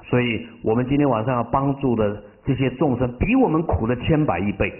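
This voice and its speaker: Male Buddhist preacher, sermon storytelling, drawn-out phrase endings, lively swinging pitch, tinny phone-like recording. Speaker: Buddhist master.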